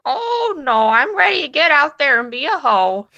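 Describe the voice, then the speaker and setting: A woman's voice: high-pitched, big pitch swings, normal speed, vocal fry, bright, forceful tone, no room sound, lo-fi sound, full character voice. A woman voicing a cheeky, randy old grandmother, with a shaky, crackly voice in improv comedy.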